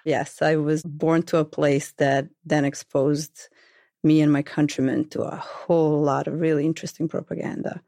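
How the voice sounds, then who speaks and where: Guest from Serbia, frank and wry, gravelly, mellow tone, dry close recording. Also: medium pitch, flat delivery, moderate pace, dry recording. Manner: frank and wry, with light laughter. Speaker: interview guest. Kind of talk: casual interview conversation.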